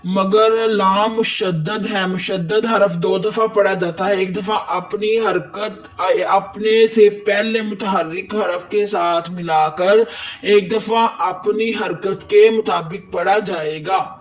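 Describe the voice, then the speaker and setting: A man's voice: high-pitched, steady tone, far from the mic. A man teaching Quran recitation rules step by step, patiently repeating each word for drilling. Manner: patient, methodical, repeats words slowly for drilling. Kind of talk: step-by-step tajweed lesson.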